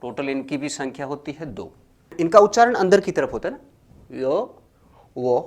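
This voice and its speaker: A man teaching a grammar lesson, slowly dictating notes and repeating each phrase for students to copy, then explaining more loudly. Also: fairly high pitch, lively intonation. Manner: swings between loud explaining and quiet dictating.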